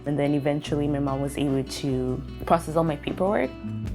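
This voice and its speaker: A woman's voice: sits low, fairly quick, over music. A young woman from Kenya, telling her story in a documentary interview, reflective and full of fillers. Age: young adult.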